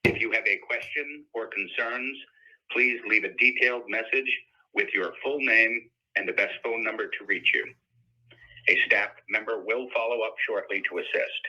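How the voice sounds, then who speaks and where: A man's voice: fairly low pitch, steady tone, moderate pace, bright, forceful tone. A man giving a formal, scripted recorded office greeting, heard over a landline phone. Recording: muffled phone-line audio.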